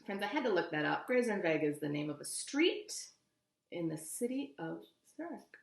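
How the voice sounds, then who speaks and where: With a lowish voice, normal speed, and some vocal fry, an American woman reads a picture book to young listeners. She is animated and expressive, drops in casual asides, and the room around her is echoey.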